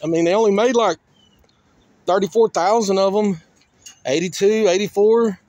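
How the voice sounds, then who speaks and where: A man with a high, darkish voice talks at normal speed while hosting a car crushing vlog outdoors in a junkyard. He chats casually and colloquially in a folksy way, half to himself, on a rambling walk-around video. The handheld phone or camera audio is dry and dull, with faint outdoor noise and an operator behind the device.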